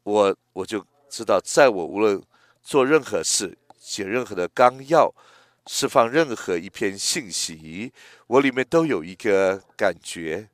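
Older male preacher in his 80s, slow and gentle, lowish voice, dry sound. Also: expressive, no room sound. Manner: slow, gentle, reflective, with hesitant restarts. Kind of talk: sermon.

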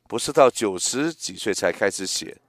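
A man in his eighties preaching a sermon in a gentle, reflective way, often pausing and restarting his phrases. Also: on the low side, expressive, no echo, clean studio sound. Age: 80s.

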